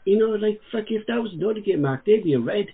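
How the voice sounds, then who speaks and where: A man's voice: sits high, expressive, fast talker, gravelly. A man co-hosting a podcast in casual, sweary football chat, often addressing his co-host by name. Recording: thin phone-like call audio.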